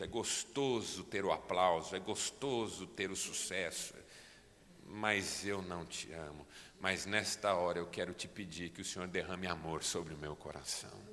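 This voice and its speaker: A Brazilian man preaching a fervent sermon as pastor, building to near-shouts, in a church. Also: sits low, long reverb tail. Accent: Brazilian Portuguese.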